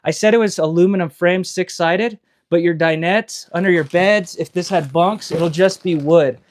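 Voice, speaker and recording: A man's voice: high-pitched, moderate pace. A man selling RVs who walks through travel trailers on a live stream, chatty and explanatory with lots of fillers, sweating in the heat. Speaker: RV salesman giving a walkthrough. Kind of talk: casual live walkthrough. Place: inside and around trailers on a dealership lot.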